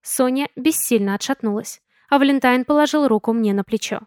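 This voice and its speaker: A woman reading a first-person fantasy audiobook in a measured, even way. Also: high-pitched, clean tone, no room sound, clean studio sound. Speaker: audiobook reader.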